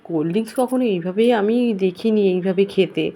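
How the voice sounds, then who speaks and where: A young woman chatting to viewers in a casual family vlog at home, her voice slightly hoarse, filmed on a phone. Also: medium pitch, quick pace, dark tone. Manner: chatty, addresses viewers directly. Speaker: vlogger. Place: home, indoors.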